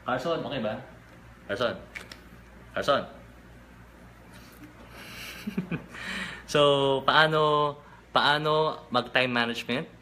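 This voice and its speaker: A young Filipino man giving an energetic motivational business talk in mixed Tagalog and English, repeating catchphrases and answering viewer questions. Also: mid-range voice, slow, pauses often, a little hiss or hum. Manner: energetic, repetitive Taglish with catchphrases.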